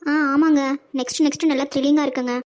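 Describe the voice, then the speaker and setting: A woman voicing a gentle young wife in a Tamil cartoon, talking softly and pleading. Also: high voice, fairly even intonation, fast talker, a little hiss or hum, close to an everyday voice. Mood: cheerful. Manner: soft and pleading.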